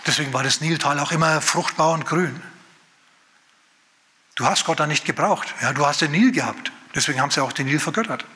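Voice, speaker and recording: Bright-voiced preacher man in a hall. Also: a little high, fairly quick. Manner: lively storytelling preacher, acts out quoted voices. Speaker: pastor. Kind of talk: sermon.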